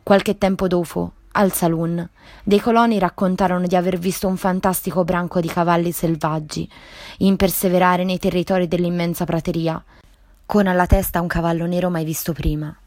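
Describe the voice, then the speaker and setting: A woman's voice: fairly low pitch, little pitch movement, moderate pace, darkish tone, no room sound. Woman reading a story aloud. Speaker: reader.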